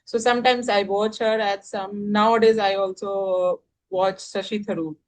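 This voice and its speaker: Casting: Indian-accented woman, casual learner, halting speech full of fillers. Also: medium pitch, steady tone, low-quality recording. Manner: hesitant, many fillers and restarts. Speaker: English learner guest. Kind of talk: casual conversation practice.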